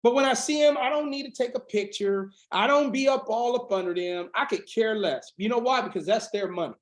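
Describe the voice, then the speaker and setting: A business coach with a high, hoarse voice runs a motivational sales training on a video call, preaching it like a sermon at a brisk pace. His fiery, insistent lines climb into shouts, then sink low, all in a roomy echo.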